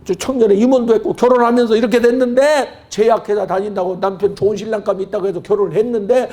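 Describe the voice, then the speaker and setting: A man preaching a sermon as a pastor, telling a story dramatically, acting out the voices and breaking into shouted praise. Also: high-pitched, steady tone, fast talker. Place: church hall at a retreat.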